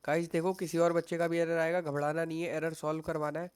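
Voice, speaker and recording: Young male coding instructor, fairly high voice, patient and reassuring, live class over a call mic. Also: completely flat delivery, quick pace, noisy background. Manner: patient, reassuring, mixes English tech words into Hindi.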